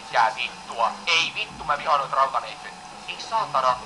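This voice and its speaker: A woman's voice: very deep voice, animated, noisy background. A young woman playing a horror game while chatting casually, swearing constantly and yelping when startled. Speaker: game player. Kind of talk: casual let's-play commentary.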